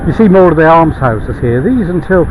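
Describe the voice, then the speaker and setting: A middle-aged man, giving a casual, halting tour commentary while riding a bicycle outdoors. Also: fairly high pitch, big pitch swings. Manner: halting, piecemeal delivery while cycling. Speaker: cyclist filming a guided ride. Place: outdoors on a moving bicycle, city streets and park. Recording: outdoor wind noise on microphone. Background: loud wind and traffic noise.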